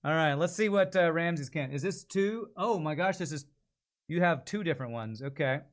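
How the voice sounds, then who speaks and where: A man in his forties, a streamer and amateur voice actor, chats casually on a livestream, thinking out loud as he reads and reacts. His voice is fairly high and moves at a normal speed.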